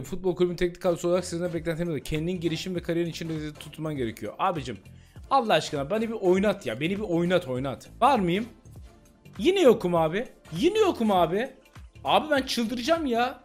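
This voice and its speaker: A young man giving casual, exasperated commentary while playing a football game, ranting at his coach. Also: sits high. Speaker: gaming YouTuber.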